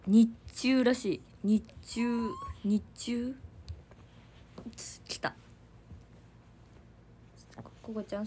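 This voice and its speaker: Young woman, casual livestream chat, slightly high voice, giggly, home setting. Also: dark tone, breathy edge. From Hiroshima, Japan. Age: young adult. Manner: chatty, giggly, reads out comments. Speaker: idol livestreamer. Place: family home, indoors.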